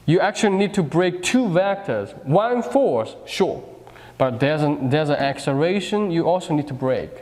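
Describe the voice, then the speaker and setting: A man's voice: on the high side, darkish tone, in a large hall. A man lecturing a physics class, explaining step by step and often checking with "right?", with frequent restarts. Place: lecture hall.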